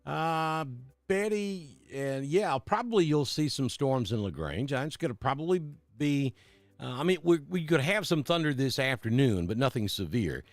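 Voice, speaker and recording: A man's voice: medium pitch, animated, moderate pace, no room sound. A middle-aged man from Alabama, chatting casually on a live weather stream and greeting viewers by name. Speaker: weather broadcaster.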